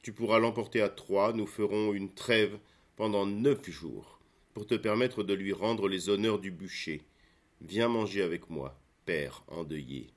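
Man reading as a grieving hero, slow and solemn, lower-pitched storyteller voice. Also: lightly acted. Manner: solemn, earnest pleading. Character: grieving noble Greek hero, humbled.

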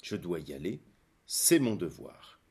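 A man's voice: deep voice, very animated, a little slow, a little mellow, slightly rough, heavily acted. Man voicing Hector, earnest Trojan warrior. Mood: tender. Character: Hector, grave devoted Trojan warrior husband.

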